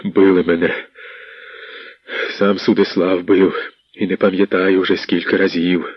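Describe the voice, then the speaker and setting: Brief: a man playing a grim, wounded storybook peasant, low-pitched and husky, sullen and angry. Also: little pitch movement, a little slow, no room sound. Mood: bitter. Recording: dull lo-fi dry recording.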